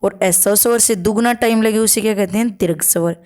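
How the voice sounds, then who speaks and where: A woman teaching an exam-prep grammar lesson, asking questions aloud and answering them herself, often checking in with a quick "okay". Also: medium pitch, darkish tone. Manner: checks in with frequent "okay" tags.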